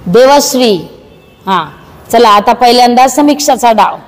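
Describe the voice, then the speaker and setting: A woman teaching young children a math game in a classroom, in a brisk way that coaxes them along. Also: fairly high pitch, lively intonation. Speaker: primary school teacher. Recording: echoey classroom reverb.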